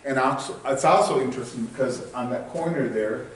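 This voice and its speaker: A man's voice: mid-range voice, a little fast, slight background noise. A man giving a casual local history talk to a meeting, rambling and searching for words with many fillers. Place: meeting hall. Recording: echoey room from far off.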